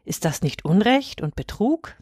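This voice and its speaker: A woman's voice: medium pitch, big pitch swings, measured pace, a little mellow, husky, no room sound, clean studio sound. A woman voicing a bitter, indignant middle-aged master shepherd who complains about injustice.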